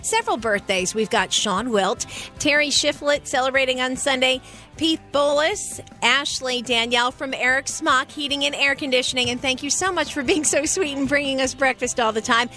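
A woman's voice: high-pitched, normal speed, pushed and bright, faint music behind. An American woman co-hosting a morning radio show in a casual, chatty local style.

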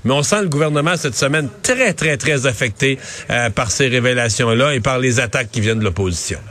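Man, middle-aged, Québécois accent, news panel commentator, conversational, average pitch. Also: fairly bright tone. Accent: Québécois French. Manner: quick, conversational, with many fillers. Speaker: political commentator and co-host.

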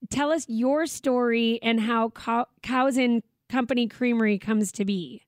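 A woman's voice: a little high, measured pace, no room sound, studio quality. A woman hosting a radio talk show, bubbly and chatty. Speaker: radio host.

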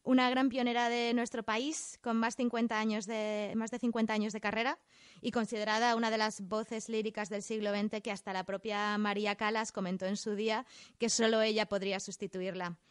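A woman's voice: a little high, flat delivery, brisk, clean tone, no room sound. A woman co-hosting a chatty podcast from a studio, upbeat and jokey. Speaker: podcast co-host. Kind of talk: casual podcast chat.

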